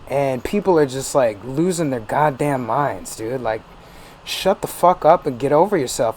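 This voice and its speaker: A man's voice: fairly high pitch, darkish tone. Profane ranting gamer man. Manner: profane, ranting, laughing asides. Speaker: gaming streamer. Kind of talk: casual let's-play commentary.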